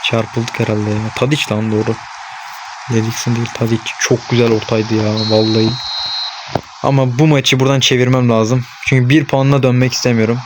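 A young gaming channel host gives live commentary on his own football match while playing, talking to himself and urging on the players on screen. He is frustrated and worked up, prone to outbursts. His mid-range voice is flat and brisk, with background noise.

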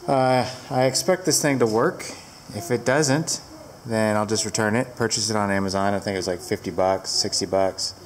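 A woman's voice: a bass voice, normal speed, hardly any pauses. A woman giving a casual, rambling product review with fillers, filmed on a handheld camera inside a large barn with the door open to the wind.

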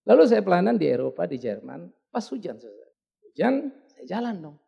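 Gravelly, animated middle-aged male pastor. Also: sits high, brisk, dull audio. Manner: animated, colloquial, mixing in English words; dramatic swings between quiet asides and loud outbursts. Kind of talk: storytelling sermon. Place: church service.

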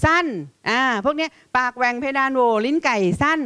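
A woman teacher lectures in a lively, chatty way and keeps tossing questions out to her listeners. Her voice sits a little high for a woman, and the sound is dry and close with little room. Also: fairly quick, no room sound. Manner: lively, chatty, asks the audience questions often.

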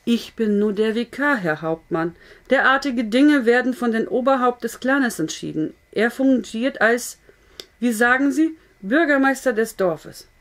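A woman's voice: on the high side, expressive, a little slow, fairly bright tone. A woman voicing an elderly male village vicar who speaks in a stiff, formal, courteous way.

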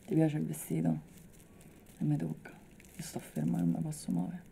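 A young woman acting a dramatic monologue as a subdued, working-class Roman woman confiding a painful memory, with a halting, colloquial Roman accent. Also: sits low, level tone, vocal fry, warm tone, a little hiss or hum. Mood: numb, pained. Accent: Roman Italian. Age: young adult. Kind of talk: dramatic monologue, conversational and confessional.

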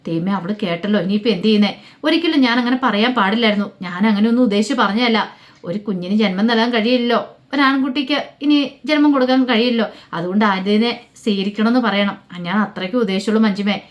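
A woman voicing a sharp-tongued older mother-in-law in a told story, speaking quickly. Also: medium pitch, close to an everyday voice. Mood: dismayed.

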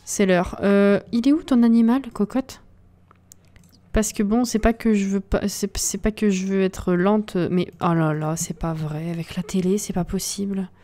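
A woman's voice: medium pitch, steady tone, normal speed, dark tone. A woman hosting a let's play from home into a desk mic, giving casual, exasperated commentary and talking to the game characters.

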